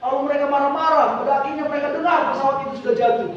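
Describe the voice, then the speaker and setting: High-voiced preacher in a booming echo. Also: male voice, steady tone, rapid-fire. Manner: dramatic, swings from hushed to loud. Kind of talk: sermon storytelling. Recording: very echoey, distant mic, dull sound.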